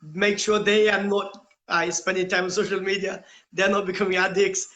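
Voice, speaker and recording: This is a school principal, a middle-aged man from the United Kingdom, answering interview questions earnestly and explaining as he goes. He has a high voice, level and bright yet forceful, at a moderate pace. He likes rhetorical questions and checks in with "right?" after his points.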